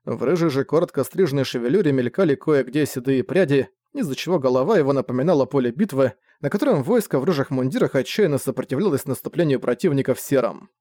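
A man narrating a fantasy audiobook with expressive storytelling. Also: mid-range voice, fast talker, few pauses, dry recording, studio quality.

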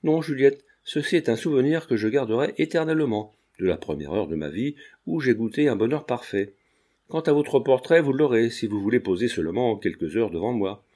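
A man's voice: mid-range voice, lively intonation, fairly quick, mellow, close to an everyday voice. A man reading an audiobook voices a lovesick young painter with a tender, earnest manner.

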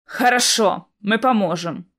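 A woman's voice: mid-range voice, a little slow, a bit bright. A woman voicing a weary, grumbling male otherworldly being who speaks plaintively and reluctantly.

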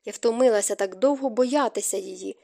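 A woman voicing an anxious, earnest young woman who speaks in halting, urgent phrases. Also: mid-range voice, vocal fry, warm tone. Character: anxious young woman haunted by old fear.

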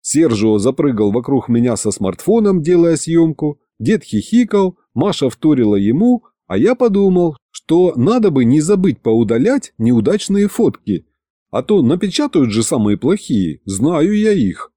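A man narrating an audiobook in a wry, expressive first-person manner. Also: on the high side, measured pace, no room sound, studio quality.

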